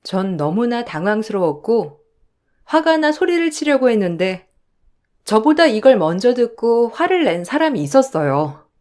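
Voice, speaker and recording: A woman's voice: fairly high pitch, sing-song, moderate pace, a little mellow. A woman narrating a true family story in the first person, in a confiding retelling.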